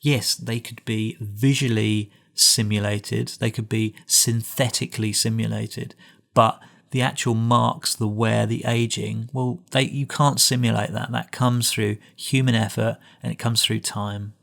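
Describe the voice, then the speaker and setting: Reflective man lecturing, gravelly voice. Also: fairly low pitch, flat delivery, measured pace, fairly bright tone. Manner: reflective, with frequent restarts and asides. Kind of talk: recorded lecture.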